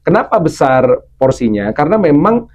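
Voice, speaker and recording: A man's voice: on the high side, muffled recording. A man working as a public speaking coach, explaining how to use the voice in a casual interview and briefly acting out example voices. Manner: fast, animated explainer, acts out example voices. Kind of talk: coaching talk in a podcast interview.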